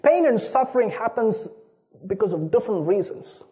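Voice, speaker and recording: Preaching at a normal speed, a Chennai pastor with an Indian accent and Tamil as his first language shares a personal story in his sermon. His voice sits high with a dark tone and plenty of expression; he's earnest, storytelling, and keeps restarting phrases by repeating their first words.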